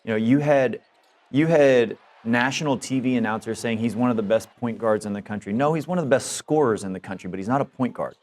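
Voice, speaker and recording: A man's voice: mid-range voice, brisk, darkish tone. A man co-hosting a sports radio show, making his points emphatically. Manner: emphatic and argumentative. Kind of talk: casual sports analysis.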